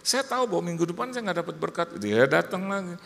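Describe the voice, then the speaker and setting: A male pastor preaching a sermon and telling his own story dramatically, swinging from soft to shouting, in a reverberant church hall. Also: high-pitched, animated, quick pace, gravelly. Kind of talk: sermon with personal testimony.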